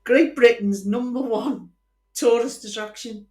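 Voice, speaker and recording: A woman from Liverpool with a Scouse accent hosts a chatty true-crime show, telling the story with opinionated, wry asides. Her voice is a little high and darkish in tone, at a measured pace, in a reverberant space.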